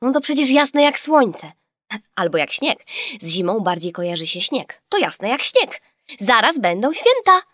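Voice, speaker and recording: A woman reading an audiobook voices an excitable young girl who keeps insisting she be heard. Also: a little high, measured pace, no echo, clean studio sound, pitched above the performer's own voice, full character voice. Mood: insistent. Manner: bright, insistent, exclaiming.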